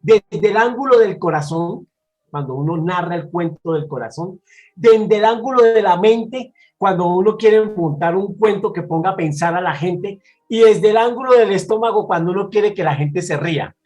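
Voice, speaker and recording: Animated Colombian storyteller man from Bogotá. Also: high voice, moderate pace, faint music behind, poor audio. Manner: animated, expressive, with frequent restarts. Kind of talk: casual interview talk.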